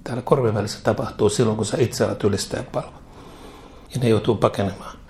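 A man's voice: fairly low pitch, fairly even intonation, a little mellow, slight background noise. A man preaching a sermon, leading a spoken prayer that he repeats line by line, with fervent delivery and casual asides.

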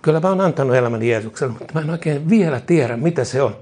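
A man's voice: on the high side, expressive, darkish tone, slightly rough. A man preaching a fervent sermon, leading the congregation in a prayer they repeat line by line. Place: church.

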